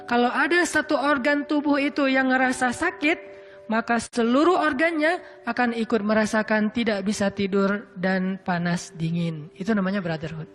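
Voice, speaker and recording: A man preaching in a relaxed, conversational sermon style, drawing out quoted Arabic verses slowly. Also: very high-pitched. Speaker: Islamic preacher. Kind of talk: casual sermon. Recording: hall reverb with faint music.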